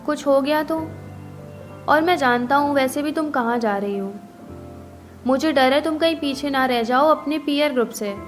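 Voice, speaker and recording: An anxious male parrot that stands for the mind and keeps warning and nagging, as a woman reads it in a storybook narration. The voice is high and insistent over faint music. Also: normal speed, close to an everyday voice.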